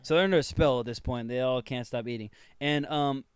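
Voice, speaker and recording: Fast-talking slangy young man. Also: medium pitch, smooth, no echo, studio quality. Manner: fast, slangy, lots of quick agreeing yeps. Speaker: podcast co-host. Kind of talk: casual chat recapping a film.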